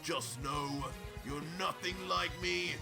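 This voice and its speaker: A man's voice: a little high, slow pace, vocal fry, full character voice. A man voicing a cocky, sarcastic adult fusion warrior in a fan-made story video, with music playing behind. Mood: scornful. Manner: mocking, sneering, scornful laughs. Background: background music from the played video.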